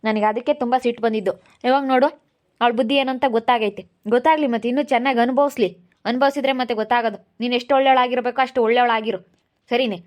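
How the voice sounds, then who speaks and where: A woman's voice: a little high, steady tone, fast talker, close to an everyday voice. Woman doing a young village guy, fed up and hurt, keeps complaining. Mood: aggrieved. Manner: complaining, aggrieved, repeats the same grievance. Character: aggrieved young village husband and son. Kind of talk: amateur village drama acting.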